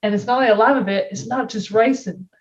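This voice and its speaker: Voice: medium pitch, fast talker. A podcast co-host chatting casually and laughing often. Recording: dull lo-fi sound.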